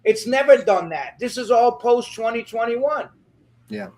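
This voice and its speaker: A man's voice: very high voice, lively intonation, darkish tone. A man speaking as an interview guest, ranting angrily and swearing heavily. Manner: angry, profane, rapid ranting. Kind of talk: heated interview talk.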